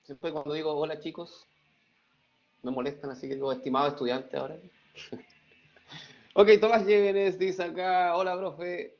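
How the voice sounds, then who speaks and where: A middle-aged man teaching over a video call, joking with his students before explaining the material. His voice is a little high and gravelly. The sound is dull and lo-fi. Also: steady tone, moderate pace, long pauses. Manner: reads student chat aloud, playful. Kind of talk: online class lecture.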